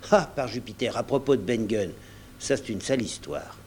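A man voicing an earnest middle-aged doctor who speaks urgently and gravely. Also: mid-range voice, moderate pace, a little mellow, lightly acted.

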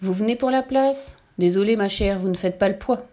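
A woman's voice: medium pitch, normal speed, mellow, close to an everyday voice. A woman voicing a curt, condescending female rhinoceros.

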